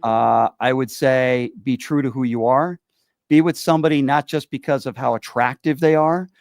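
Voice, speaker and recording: A man's voice: mid-range voice, fairly even intonation, normal speed, dry recording. Forties guy from connecticut hosting a chat, rambly, lots of yeps and ums, dry close sound. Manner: chatty, rambling with fillers and repeated yeps. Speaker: show host. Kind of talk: casual chat.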